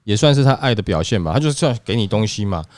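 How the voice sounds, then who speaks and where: A man with a Taiwanese accent talks fast in a casual podcast chat, his pitch leaping all over as he rants. He swears freely and acts out little quotes. The close mic sounds dry. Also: expressive, darkish tone, no room sound. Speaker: podcast co-host.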